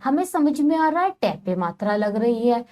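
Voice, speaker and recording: A woman giving a slow, patient phonics lesson to young children, spelling words out syllable by syllable. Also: a little high, sing-song, warm tone. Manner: repeatedly addresses the children. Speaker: teacher.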